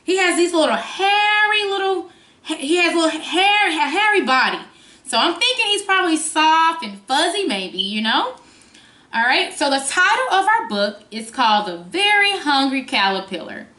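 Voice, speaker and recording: A woman teacher reading a picture book aloud to young children in an expressive sing-song way, engaging them with simple questions. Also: very high voice, normal speed. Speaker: kindergarten teacher. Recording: roomy, echoing sound.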